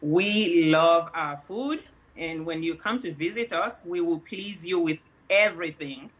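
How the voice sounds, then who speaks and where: A middle-aged woman from Nigeria, a food company founder, talks in a relaxed conversational way. She tells stories at an easy pace and laughs often. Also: lowish voice, measured pace, low-quality recording. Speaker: guest, snack company founder. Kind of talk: casual interview.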